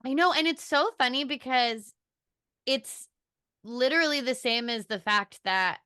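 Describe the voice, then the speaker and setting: A young woman, an actor, telling stories in an animated, casual podcast chat. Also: sits high, clean tone, dry recording, studio quality. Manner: animated, quick storytelling with laughs.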